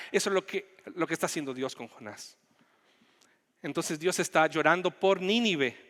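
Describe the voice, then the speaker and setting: A male pastor preaching a sermon, moving from quiet, reflective passages to fervent, pleading appeals. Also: sits high. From Chile. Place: church sanctuary. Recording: long church hall reverb.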